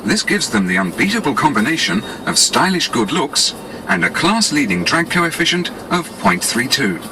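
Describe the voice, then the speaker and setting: With a medium-pitched, very animated voice at normal speed, this British man narrates a scripted 1980s promotion in a smooth, explanatory salesman's tone. Background noise and music come through on the cassette tape.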